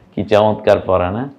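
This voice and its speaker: With the highs cut off, a young man's fairly low voice is heard in an online lesson on Arabic vowel marks, where he patiently sounds out syllables and quizzes his audience.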